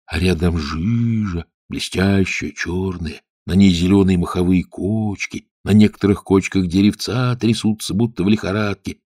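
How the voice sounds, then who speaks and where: A man narrating a children's fairy tale in an expressive way, at times hushed. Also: sits low, no echo, clean studio sound. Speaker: storyteller. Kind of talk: storybook narration.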